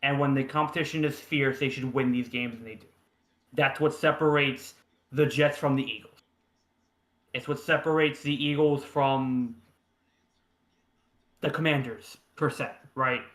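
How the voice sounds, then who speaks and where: A man's voice: mid-range voice, steady tone, a little slow, pauses often, a bit bright, reverberant. A man co-hosting a sports podcast, chatting casually with frequent restarts and filler words. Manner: stammering restarts, lots of "like" and "right?".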